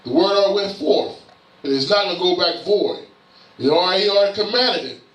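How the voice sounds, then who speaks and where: A man's voice: high-pitched, expressive, brisk, fairly bright tone. A man giving a casual sermon in a church, talking in a loose, conversational way and often asking "you know what I'm saying?". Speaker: preacher. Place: church sanctuary. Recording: roomy church sound from a distant mic.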